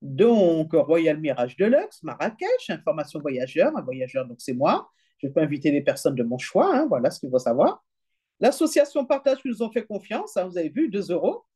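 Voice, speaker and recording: Chatty woman with a lively, mellow voice. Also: low-pitched, breathy edge. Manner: chatty, peppered with "hein" and "d'accord"; reads prices and numbers aloud slowly. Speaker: travel deals presenter. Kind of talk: app demonstration voice-over.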